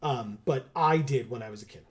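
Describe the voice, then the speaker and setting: A man's voice: mid-range voice, fairly quick. A man chatting casually while streaming a video game, rambling with fillers and laughing often. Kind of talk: casual livestream chat.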